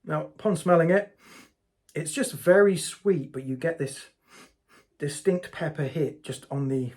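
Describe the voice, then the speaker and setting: A man's voice: fairly high pitch, a little slow, a little mellow. A man hosting a casual hot sauce review vlog, talking straight to his viewers in a chatty way.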